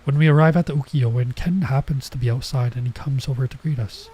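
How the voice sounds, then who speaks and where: A streamer with a mid-range, dark voice and a breathy edge talks fairly quickly while playing a visual novel. He's coming down with a cold, so he sounds nasal and stuffed up as he rambles through chatty asides in casual let's play commentary.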